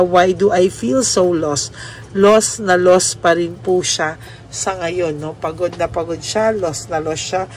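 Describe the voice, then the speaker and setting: Gentle woman host giving a personal reading. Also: mid-range voice, slight background noise. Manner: polite, says "po" often and ends many lines with a questioning "no?"; mixes English words into Tagalog speech. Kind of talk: soft-spoken reading addressed to the listener.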